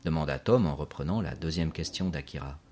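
A man narrating a storybook in a measured, scripted audiobook delivery. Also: extremely low pitch, a little mellow.

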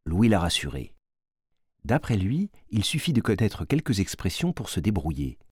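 A man narrating a storybook in an expressive, varied way with a husky voice. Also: deep voice, normal speed, no echo, studio quality.

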